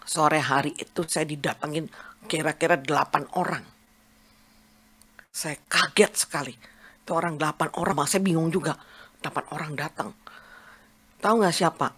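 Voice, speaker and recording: A woman's voice: deep voice, steady tone, moderate pace, pauses often, fairly bright tone, husky. A middle-aged woman from Indonesia giving a personal testimony at a youth prayer meeting, telling her story with acted-out dialogue and frequent laughter.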